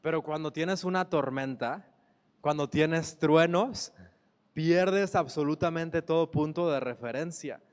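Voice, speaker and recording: Slow-preaching pastor in a reverberant hall. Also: male voice, on the high side, clear, resonant tone. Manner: slow, emphatic preaching with repeated phrases. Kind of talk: sermon.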